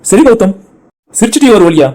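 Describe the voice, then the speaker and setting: A man voicing a loyal young friend in a cartoon, calm and consoling. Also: high voice, fairly quick. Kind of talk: cartoon voice acting.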